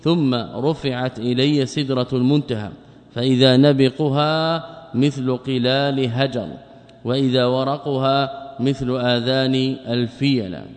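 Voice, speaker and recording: Sheikh teaching a creed text in a reverberant hall. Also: male voice, mid-range voice, fairly even intonation, measured pace. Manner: poses rhetorical questions to students. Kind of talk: lesson commentary on a creed text.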